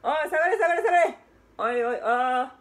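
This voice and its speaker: A woman voicing a gruff working-class father who talks bluntly in rough street speech, in a rakugo-style stage story. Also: sits high, animated, quick pace. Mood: excited. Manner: blunt, brusque, rough old-Tokyo street talk.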